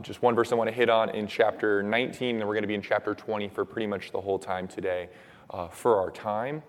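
Hoarse and raspy after days of shouting, a young preacher with a slightly low voice delivers a sermon and prayer that ring out through a long-echoing church hall. His manner is earnest and casual, thick with "uh" and "um".

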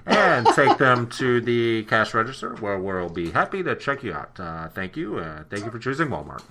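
A man's voice: lowish voice, sing-song, moderate pace, heavy background noise. A man putting on the voice of a male supermarket announcer making a polite closing-time announcement. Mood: mock-formal. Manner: mock store loudspeaker announcement, stiff and formal. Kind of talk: comic impression in casual podcast chat.

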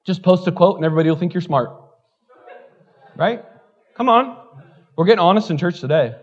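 A man's voice: high-pitched, animated, a little fast, dull audio. A man preaching a sermon as pastor in a church, candid and conversational, joking at his own expense and filling his talk with "like.". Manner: candid, conversational, self-deprecating, many "like" fillers.

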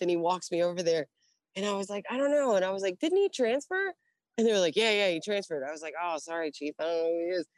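A woman's voice: lowish voice, dry recording. A woman in a casual interview, telling military stories with a lot of swearing, frequent laughs and acted-out voices of other people. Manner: profane, laughing, acts out voices in anecdotes. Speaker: interview guest, Navy veteran. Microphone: phone or call recording.

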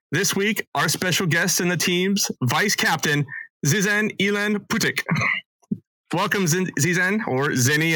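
A man with a fairly high, bright, forceful voice hosts a casual sports podcast, chatting with a guest and explaining rugby rules like a teacher. He comes across as friendly and teacherly, using fillers along the way. The audio is poor, with no room sound.

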